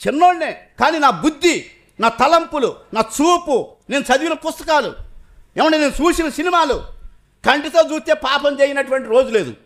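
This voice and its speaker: Male preacher, high-pitched voice, middle-aged, dramatic swings from forceful to hushed, rhetorical sermon delivery. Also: animated, normal speed. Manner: emphatic, rhetorical questions, swings from loud to hushed.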